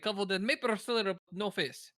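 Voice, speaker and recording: A man with a high, bright voice speaks in character at a tabletop game. He stammers through broken English, dropping small words as he argues back. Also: moderate pace. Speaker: player. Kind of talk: in-character tabletop role-play.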